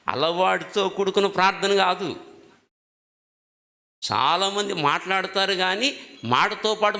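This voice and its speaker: Teaching on prayer from the pulpit, this preacher's voice sits high, pushed and bright, echoing with a long hall reverb. He's emphatic, throwing questions to the congregation and driving home key words by repetition.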